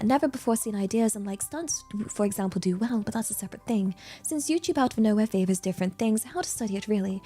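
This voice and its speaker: A woman's voice: a little high, warm tone, slightly rough. A woman streamer putting on a British received pronunciation voice like a prim newsreader, chatting in a rambling, well-spoken way. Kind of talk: livestream chat in a put-on accent.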